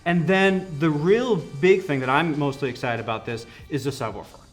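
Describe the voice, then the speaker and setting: In a conversational interview set over background music, a company product representative talks enthusiastically about a product. His voice is fairly high-pitched and his speed is normal.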